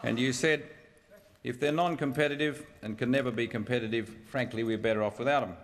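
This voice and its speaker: A man's voice: mid-range voice, fairly even intonation, brisk. An Australian man, a member of parliament, putting a formal, pointed question. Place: large parliamentary chamber. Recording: reverberant parliament chamber.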